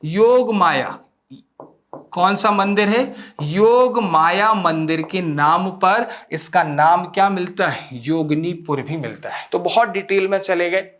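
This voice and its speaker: A man's voice: high-pitched, takes it slowly, fairly bright tone. A man teaching a history lesson for an exam coaching course, asking questions and answering them himself and repeating key facts for students to memorize.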